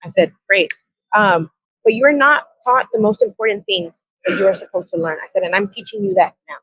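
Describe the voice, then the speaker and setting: A woman's voice: medium pitch, sing-song, a little fast, a bit bright, slightly rough, no room sound. A woman guest on a podcast telling a personal story with blunt, earnest, profane reported dialogue. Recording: dull, dry lo-fi sound.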